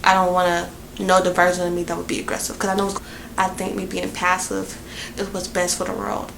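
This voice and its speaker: This young Southern American vlogger talks a little fast in a fairly low, monotone, gravelly voice with a fairly bright tone. She's telling a casual storytime at work, chatty, venting and rambling with lots of fillers. A little hiss or hum can be heard.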